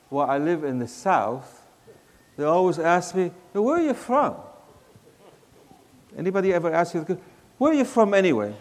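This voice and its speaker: A man in his sixties from Syria with a Syrian Arabic accent, preaching a storytelling sermon that swings between loud emphasis and a soft hush. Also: a little high, in a large hall. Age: 60s.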